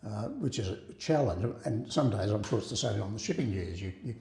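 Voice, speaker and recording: A male host with a low, gravelly voice and a mellow tone leads the interview. He is chatty and genial, often doubling words as he goes. His voice sounds roomy, with echo around it. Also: lively intonation, a little fast. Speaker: radio show host. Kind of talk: interview hosting.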